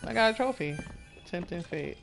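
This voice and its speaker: A woman with a creaky voice giving casual commentary as she plays a video game. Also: on the low side, lively intonation, moderate pace. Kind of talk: casual let's-play commentary. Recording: game music behind the voice.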